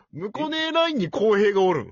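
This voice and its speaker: 西日本なまりのよく笑う男性. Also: male voice, very high voice, fairly bright tone, breathy edge, dry recording. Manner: playful teasing, bursts of laughter. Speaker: podcast co-host. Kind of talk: casual joking chat. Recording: dry, slightly dull home recording.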